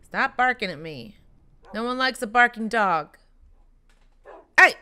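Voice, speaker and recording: Picture a young woman playing a block-building game and talking to the animals on screen. Her voice sits a little high and bright, swooping all over the place. She drawls out some words, makes playful mock threats and lets out sudden excited yelps. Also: slow. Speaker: gaming channel host. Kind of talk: Minecraft let's-play commentary.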